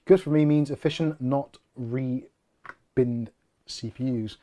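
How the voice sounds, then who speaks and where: A slow, mellow, mid-range voice with a steady tone belongs to a middle-aged man from the United Kingdom hosting a tech channel livestream. Casual and rambling, he jokes and runs himself down as he reads viewer comments.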